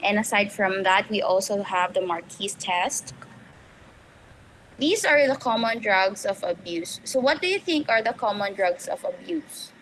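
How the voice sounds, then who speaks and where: A woman with a Cebuano Filipino accent giving a classroom lecture, explaining in a halting way with many fillers. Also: medium pitch, expressive, a bit bright, a little hiss or hum, rough recording.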